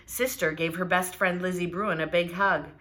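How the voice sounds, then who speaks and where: A woman's voice: fairly low pitch, moderate pace. A woman reading a children's storybook aloud and asking her young listeners questions along the way. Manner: animated, asks listeners questions. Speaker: storybook reader.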